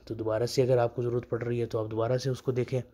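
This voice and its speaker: A man who teaches Arabic phrases in a casual spoken lesson, slowing down to repeat each phrase for learners. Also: mid-range voice, little pitch movement, warm tone.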